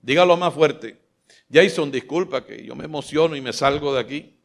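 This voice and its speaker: On a church stage, a pastor with a gravelly, high-leaning voice delivers a rousing live Sunday sermon at normal speed. He calls out questions for the congregation to respond to, and the emphatic performance is recorded on video from a stage mic.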